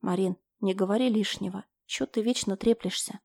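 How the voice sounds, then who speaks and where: A woman voicing an irritated young male bodyguard who speaks in a low, curt, restrained way. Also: steady tone, moderate pace, creaky, mellow, breathy edge. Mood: stern.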